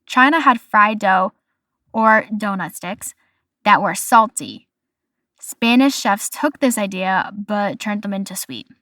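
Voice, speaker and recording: A woman's voice: medium pitch, lively intonation, takes it slowly, fairly bright tone, dry recording, studio quality. A young woman from the United States hosting a casual solo podcast, chatty and stumbling over foreign words. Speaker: podcast host. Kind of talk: casual solo podcast, listing food facts.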